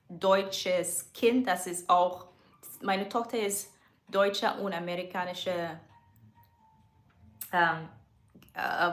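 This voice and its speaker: A woman with a lowish, fairly bright voice hosts a casual face-to-camera livestream from her home studio. She chats, laughs often, and corrects herself as she goes, with roomy echo on the mic.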